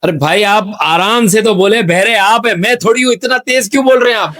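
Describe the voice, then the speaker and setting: A man's voice: high voice, fairly quick, fairly bright tone. Exasperated male podcast host. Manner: exasperated, repeating questions. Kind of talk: comedy sketch interview.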